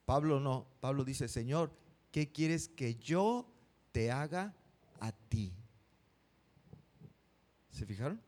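A man preaching a sermon, asking his congregation questions and reading verses slowly. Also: medium pitch, lively intonation, darkish tone.

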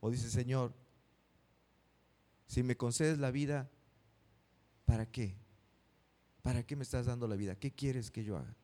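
A man preaching a sermon, asking his congregation questions and reading verses slowly. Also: mid-range voice, fairly even intonation, mellow.

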